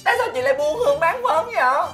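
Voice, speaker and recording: High-voiced whiny country sister, over-the-top dramatic. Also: female voice, very animated, quick pace, over loud music. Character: naive, emotional young country woman, the younger sister. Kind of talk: sitcom acting.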